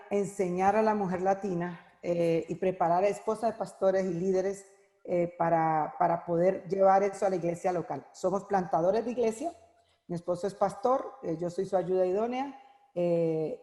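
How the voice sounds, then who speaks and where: A middle-aged woman giving an earnest, heartfelt personal testimony at an online women's conference, pausing often as she speaks. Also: mid-range voice, warm tone, echoey room, in a large hall. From Colombia. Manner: earnest, heartfelt, halting with frequent pauses. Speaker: women's Bible teacher and speaker.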